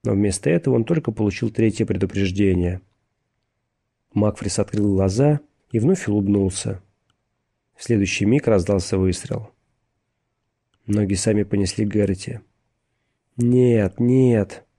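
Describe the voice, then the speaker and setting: A man reading a thriller audiobook in a measured, steady narration. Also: lowish voice, vocal fry, slightly rough.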